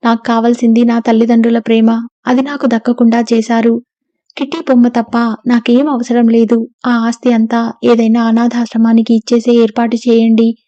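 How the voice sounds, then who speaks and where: A grieving young woman in a storybook, soft and subdued, as a woman narrator voices her. The voice is mellow and a little high, kept flat in tone. The recording is dry and slightly lo-fi. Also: moderate pace, dry recording, natural voice.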